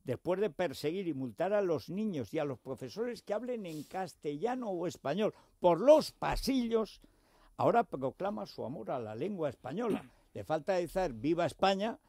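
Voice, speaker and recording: A man's voice: high voice, lively intonation, moderate pace, warm tone, no room sound. Sardonic male radio host, dry studio sound. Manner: sardonic, mocking, reads quotes aloud. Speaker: radio talk show host. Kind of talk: radio panel discussion. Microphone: studio microphone.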